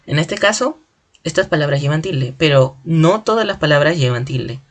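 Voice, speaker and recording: A teacher giving a spoken grammar lesson in a clear, deliberate way, slowly stretching out example words syllable by syllable. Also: mid-range voice, lively intonation. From Peru.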